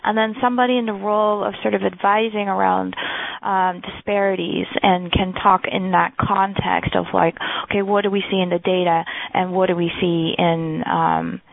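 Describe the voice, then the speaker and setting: A woman's voice: mid-range voice, little pitch movement, normal speed, creaky, dry recording. A woman in her forties from the Netherlands, giving a chatty webinar presentation with frequent ums and restarts. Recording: tinny phone-like line.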